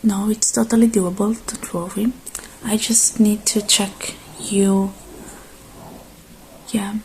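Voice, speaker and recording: A woman's medium-pitched voice keeps a level tone through a soft-spoken ASMR roleplay, recorded roughly with a bit of hiss or hum. Dipping in and out of whispers, she reassures the listener in short, faltering phrases.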